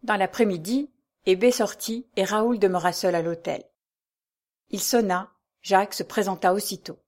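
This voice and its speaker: A woman narrating a classic novel aloud in a measured, even storytelling manner. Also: medium pitch.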